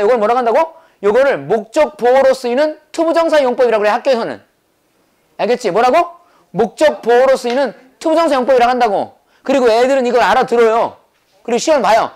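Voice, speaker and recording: A man teaching English grammar in a brisk lecture, drilling points over and over and firing rhetorical questions at his students. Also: extremely high pitch, expressive, darkish tone. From South Korea. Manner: quizzing with rapid rhetorical questions. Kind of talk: classroom lecture.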